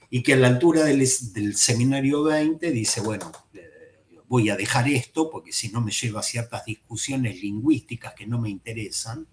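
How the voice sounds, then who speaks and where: A man teaching a seminar class. He speaks in a measured way, repeats his phrases and checks in with his listeners. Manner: varies loudness and pitch for emphasis. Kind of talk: lecture on psychoanalysis.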